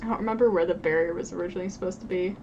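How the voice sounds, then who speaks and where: A woman's voice: fairly low pitch, steady tone, very fast, darkish tone, muffled recording. Young woman, streamer, casual gameplay chat, swears, noisy mic. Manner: chatty, swearing, talks to the game character.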